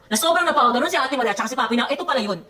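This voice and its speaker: A woman's voice: sits high, lively intonation, rapid-fire, crowd noise. A woman lecturing a family member in a heated confrontation, scolding at length and swearing. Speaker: family vlogger.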